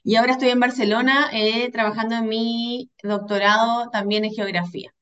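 A woman's voice: fairly high pitch, steady tone, moderate pace, fairly bright tone, highs cut off. Hesitant woman from southern Chile. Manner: hesitant, with many fillers. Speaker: guest, social anthropologist. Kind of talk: casual interview.

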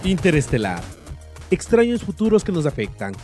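A man reading a scripted show introduction in a dramatic, drawn-out way. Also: a little high, wildly swooping pitch. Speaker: show announcer. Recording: loud music under the voice.

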